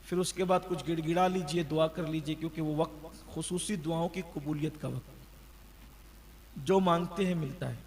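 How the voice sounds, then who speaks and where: A man delivers a sermon, his voice pitched high. He exhorts his listeners and asks rhetorical questions. The sound rings with long reverb, as in a large hall. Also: fairly even intonation, darkish tone. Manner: exhorting, rhetorical questions, chants the creed slowly. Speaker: preacher. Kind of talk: Ramadan sermon.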